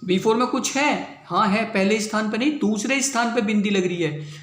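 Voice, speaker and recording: A man's voice: high voice, normal speed, a bit bright, reverberant. A man teaching a shorthand class, explaining step by step and often checking whether students have understood. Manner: repetitive, checks understanding with "clear hui bhaiya baat". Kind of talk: classroom lesson.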